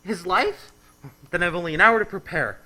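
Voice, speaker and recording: A man's voice: high voice, moderate pace, sharp tone, rough recording. An actor playing Clarence, a timid, fussy, elderly male apprentice angel, in an old-time radio play. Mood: eager. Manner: fussy, eager, polite.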